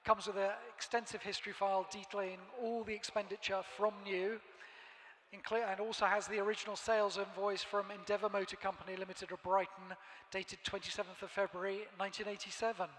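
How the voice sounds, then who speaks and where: A man announcing auction lots, reading catalogue descriptions in a measured, formal way. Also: sits high, level tone, fairly bright tone. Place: large auction hall. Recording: hall reverb from PA.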